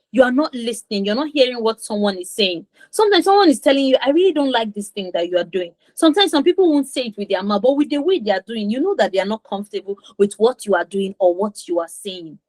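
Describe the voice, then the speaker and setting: A woman's voice: on the high side, animated, brisk, a little mellow, no room sound. A woman coaching teenagers in an online class, stressing points by repeating them and checking in with "okay?". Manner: repeats for emphasis, acts out kids' voices. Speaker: confidence coach for teens.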